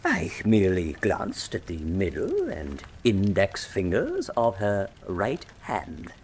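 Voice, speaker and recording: An actor playing a loyal, easily shocked Victorian gentleman doctor in a radio drama, expressive and gentlemanly. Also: low voice, slow, slight background noise, exaggerated voice. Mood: thoughtful, pleased. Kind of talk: full-cast radio drama acting.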